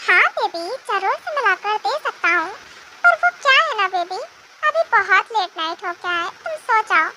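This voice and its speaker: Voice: extremely high pitch, big pitch swings, moderate pace, sharp tone, exaggerated voice. A fan dubber voicing a patient young husband and father who sounds soothing, indulgent and mildly exasperated. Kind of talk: amateur fan dub. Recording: noisy home recording.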